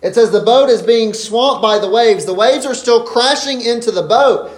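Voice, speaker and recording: High-ish guy preaching a bible passage, earnest and punchy, lots of room echo. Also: normal speed. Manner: earnest, emphatic, rises sharply when voicing the disciples. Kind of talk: expository sermon.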